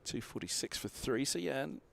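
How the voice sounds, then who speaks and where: A man's voice: mid-range voice, animated, normal speed, creaky, a bit bright. A man commentating on cricket from a balcony box, chatty and analytical, thinking aloud through scores with fillers.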